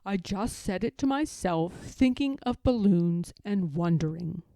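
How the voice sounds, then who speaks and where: Woman voicing Winnie the Pooh, slow earnest bear. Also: on the low side, lively intonation, dark tone, no room sound. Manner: ponderous, simple-minded musing. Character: Winnie the Pooh, small male honey-loving bear, earnest and muddled. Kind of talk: storybook character voice.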